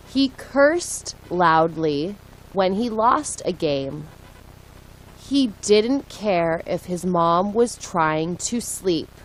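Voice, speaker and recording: A woman reading short English phrases aloud for learners, clear and deliberate, one phrase at a time. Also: medium pitch, low-quality recording. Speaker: English lesson reader. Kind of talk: slow read-aloud for learners.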